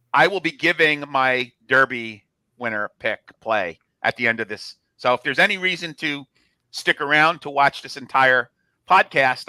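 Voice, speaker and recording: Jersey guy on a betting podcast, bright voice, dry close mic, goes off on jokey tangents. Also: mid-range voice, dry recording. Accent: New Jersey. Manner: chatty, joking asides. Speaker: podcast co-host. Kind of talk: casual sports betting podcast.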